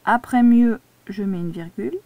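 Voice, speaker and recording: A woman's voice: mid-range voice, normal speed, a little mellow, dry recording. A woman teacher giving a dictation lesson to a child, patiently spelling words out syllable by syllable. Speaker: primary school teacher.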